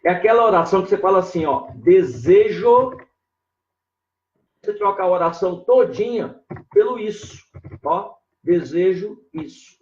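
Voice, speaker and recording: A man with a high voice teaches grammar in a live online lesson, talking a little fast, drawing out key words and repeating "ó" as he points things out. He greets viewers by name, and the recording sounds dull and lo-fi in an echoey room.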